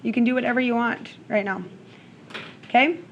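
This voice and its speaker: A fairly high-pitched woman teaching a math lesson to a room of students. She talks through each step aloud and keeps checking in with the class. A faint hum of ambient noise sits under her voice. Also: normal speed, lo-fi sound. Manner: checks in with questions, frequent "okay?".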